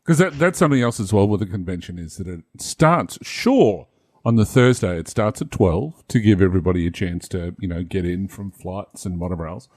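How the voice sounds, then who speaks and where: A man co-hosting a podcast, explaining things in a relaxed way with many fillers. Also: low-pitched, fairly quick, no room sound, clean studio sound. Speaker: podcast co-host, convention marshal. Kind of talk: casual chat.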